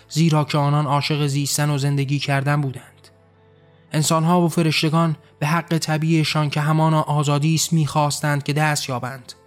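Guy narrating a story, steady monotone read, slightly high voice, faint music behind.

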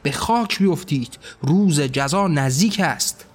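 A man's voice: on the high side, lively intonation, husky. A man voicing a wrathful, ranting male god who bellows scornful tirades in a storybook reading. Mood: raging.

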